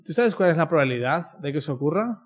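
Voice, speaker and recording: A man's voice: on the high side, expressive, fast. A man from telling a personal faith story in a conversational way, often ending his sentences with a questioning "no?". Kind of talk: personal testimony talk.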